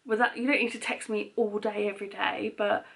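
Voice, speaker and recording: A young British woman talks in a casual, confiding vlog style. Her voice sits at an ordinary female pitch with a strong creaky fry. She rambles candidly, padding her thoughts as she goes. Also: fairly even intonation, a little fast, a bit bright, poor audio. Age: young adult. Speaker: vlogger. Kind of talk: casual chatty Q&A to camera.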